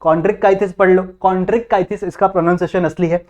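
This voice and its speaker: A man's voice: sits high, moderate pace, a little mellow. A young man teaching a biology class, asking rhetorical questions and checking in constantly. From India. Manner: repetitive, quizzing students with constant check-ins. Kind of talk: classroom lecture in Hindi-English mix.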